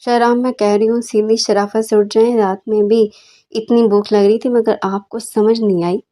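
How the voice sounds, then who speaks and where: A woman's voice: a little high, little pitch movement, mellow, natural voice. A woman reading as an indignant young wife. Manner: indignant, scolding.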